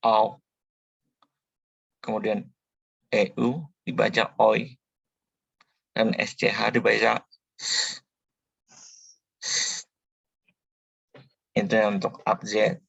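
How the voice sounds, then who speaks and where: A man giving a slow spoken language tutorial, patiently repeating each sound several times as a teacher. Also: lowish voice, level tone, gravelly, fairly bright tone, breathy edge, dry recording.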